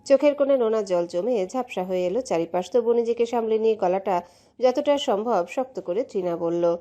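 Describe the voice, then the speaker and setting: A woman narrating a romantic audio story in an emotive, steady way. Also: on the high side, normal speed.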